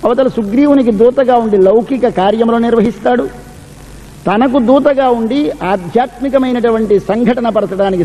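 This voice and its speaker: A man's voice: sits high, mellow, long reverb tail, a little hiss or hum, low-quality recording. A man giving a devotional discourse, quoting Sanskrit verses and explaining them line by line. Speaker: religious discourse speaker.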